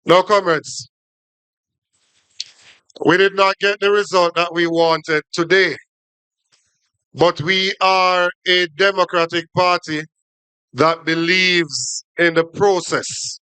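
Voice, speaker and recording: A man with a Jamaican accent giving a formal political speech to supporters as a party official, in short deliberate phrases. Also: high voice, fairly even intonation, sharp tone, smooth, no room sound, low-quality recording.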